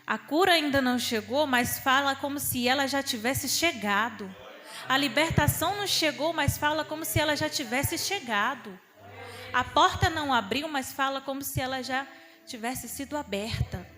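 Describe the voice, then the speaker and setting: A woman's voice: high-pitched, normal speed, sharp tone. A young woman preaching a fervent, emphatic sermon. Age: young adult. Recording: long reverb in a hall.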